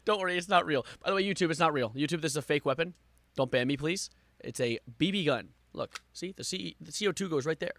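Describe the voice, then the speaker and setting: A man doing live stream reaction commentary with exasperated, sarcastic complaining, moving between muttering and louder outbursts. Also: a little high, fast.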